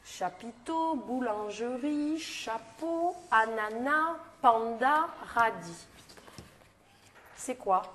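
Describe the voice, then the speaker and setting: Speak as a teacher with a small class of young children. Keep the voice high and the delivery unhurried, ask questions patiently, and echo back each child's answer before moving on. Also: female voice, expressive, fairly bright tone. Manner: patient, prompting with questions, repeats pupils' answers. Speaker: primary school teacher.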